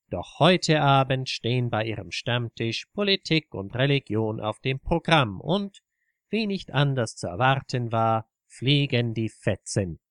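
A man narrates a scripted story in an even, steady reading voice. The recording is dry and close. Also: medium pitch, smooth, dry recording.

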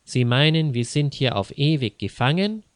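A man's voice: medium pitch, lively intonation, moderate pace, dry recording, studio quality, voice pushed up, close to an everyday voice. A man voicing a timid, easily alarmed woman who speaks fearfully. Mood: frightened. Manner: fearful, hushed.

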